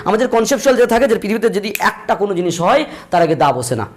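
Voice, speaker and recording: A man teaching a grammar lesson, repeating points and slowing down to spell out examples. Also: high-pitched, sing-song. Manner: repetitive, drills points, slows to spell out examples. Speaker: English teacher.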